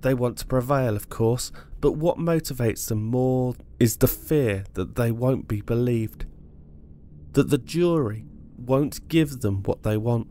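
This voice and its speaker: Man, true-crime podcast narrator, unhurried pace, steady scripted delivery, faint background noise. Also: mid-range voice. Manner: measured, steady reading of court testimony. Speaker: podcast host.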